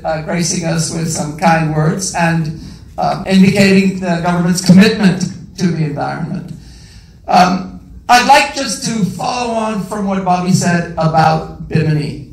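A middle-aged man speaks to an audience with energy and force, his voice set quite high. He is captured from across an echoey theatre, so he sounds distant and roomy. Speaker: event organizer, director of the environmental group. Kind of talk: speech to an audience. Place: theatre stage. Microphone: handheld mic, filmed from the audience.

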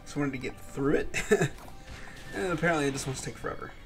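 A young gaming channel host with a stuffy voice and sore throat does laid-back let's-play commentary over game music, swearing and muttering in frustration. He speaks fast, slightly high and a bit bright.

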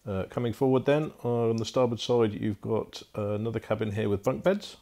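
A man's voice: fairly low pitch, fairly even intonation, moderate pace, gravelly, mellow. A man giving a casual walkthrough tour of a barge interior as a boat broker, talking off the cuff with frequent fillers, recorded on a handheld phone inside wooden cabins.

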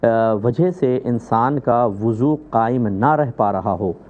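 A man from Pakistan, a mufti, calmly answering religious questions in a measured, methodical way. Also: medium pitch. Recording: phone-like narrow band.

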